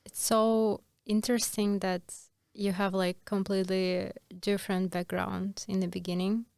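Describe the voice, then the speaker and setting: A woman's voice: mid-range voice, flat delivery, unhurried, creaky, a little mellow, smooth, dry recording, studio quality. A woman hosting a podcast interview, introducing her guest and asking questions in simple, friendly phrasing. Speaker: podcast host.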